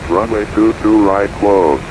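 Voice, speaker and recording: A man's voice heard as an automated airport weather broadcast over the radio, reading runway notices and weather in a steady monotone. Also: fairly low pitch, measured pace. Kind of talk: recorded airport information broadcast. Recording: noisy radio broadcast with cockpit hum.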